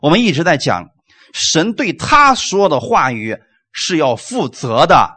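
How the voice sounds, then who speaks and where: Animated male preacher, rhetorical questions. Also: on the high side, measured pace, slightly rough. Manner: punctuates points with "amen". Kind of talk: sermon.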